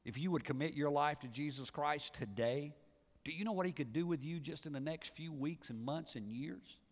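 A pastor preaching a sermon, swinging from loud rising calls to low, quiet endings. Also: male voice, normal speed. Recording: church sermon with long reverb.

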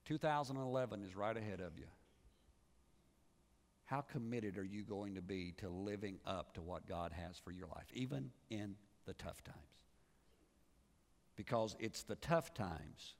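A pastor preaching a sermon, swinging from loud rising calls to low, quiet endings. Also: male voice, measured pace, long pauses. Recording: church sermon with long reverb.

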